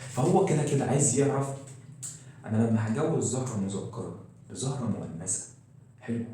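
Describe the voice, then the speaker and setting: An Egyptian man teaching a science lesson at a rapid clip. He quizzes the class and answers his own questions, drumming key words in again and again. His mellow, darkish voice bounces around a very echoey room from a mic set well away from him, with faint noise underneath. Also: medium pitch, distant mic. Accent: Egyptian Arabic. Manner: asks questions and answers them himself, repeats key words.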